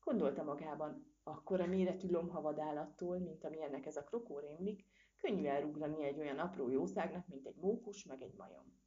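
A woman narrating a children's storybook with lively, expressive reading. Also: low voice. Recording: dull lo-fi recording.

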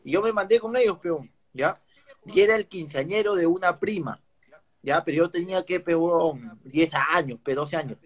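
A Peruvian-accented man with a high voice tells stories in casual chat. His talk is crude and full of street slang. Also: moderate pace. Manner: crude, slang-heavy storytelling.

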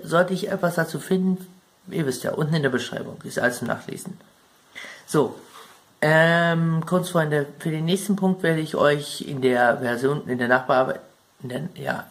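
A man with a German accent talking casually about video game plot points, chatty and rambling, often turning to address his viewers directly. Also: a little high. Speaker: gaming video creator.

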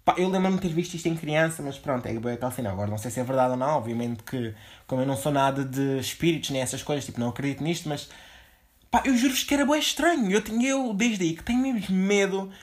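Young male podcast host, European Portuguese accent, rambling slangy chatter, a bit high-voiced, quick. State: dizzy and low on energy after waking up. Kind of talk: casual solo podcast monologue.

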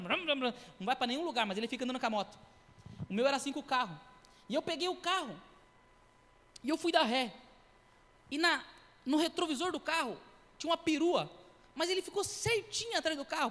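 A high-pitched man preaching a testimony in church, spinning his story with acted quotes and noises. His voice carries a long reverb from the hall around him. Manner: animated storytelling with acted quotes and sound effects. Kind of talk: sermon testimony.

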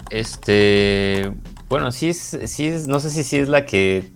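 A man's voice: mid-range voice, lively intonation, slow, soft background music. A man with a Mexican accent co-hosting a podcast, giving a casual, informal review and often rephrasing as he explains. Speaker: podcast co-host and series reviewer.

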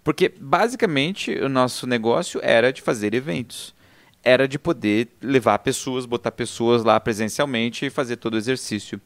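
A man in casual chat, a teacher, reflective and measured. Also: medium pitch, no echo. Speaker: teacher and course presenter.

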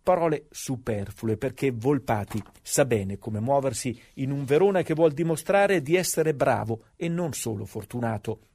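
A man's voice: mid-range voice, lively intonation, moderate pace, darkish tone, breathy edge. A man narrating scripted sports history as a storyteller, with conversational rhetorical asides.

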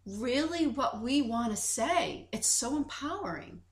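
A woman's voice: high-pitched, measured pace. Earnest woman telling a story. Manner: earnest, animated storytelling with many restarts. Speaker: podcast co-host. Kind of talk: casual podcast conversation.

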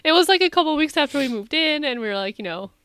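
A woman's voice: high-pitched, quick pace, a little hiss or hum. A young woman co-hosting a podcast, telling stories casually with lots of likes and laughter. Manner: animated storyteller, laughs often, says like. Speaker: podcast co-host. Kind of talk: casual chat.

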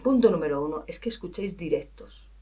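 Animated Spanish woman voice teacher. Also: lowish voice, fast, distant mic. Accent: Spain. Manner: animated, chatty, acts out students' lines, laughs at herself. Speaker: singing teacher. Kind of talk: casual podcast lesson.

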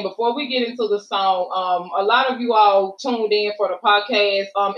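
American woman podcast host, roomy and distant. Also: mid-range voice. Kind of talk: casual chatty interview. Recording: roomy, distant, slightly dull mic.

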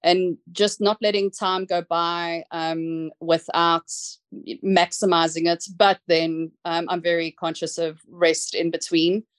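A woman's voice: lowish voice, flat delivery, takes it slowly, no room sound. Reflective woman guest on a call. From South Africa. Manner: reflective, many ums and restarts, laughs easily. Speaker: podcast guest. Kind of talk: casual interview chat. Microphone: video call.

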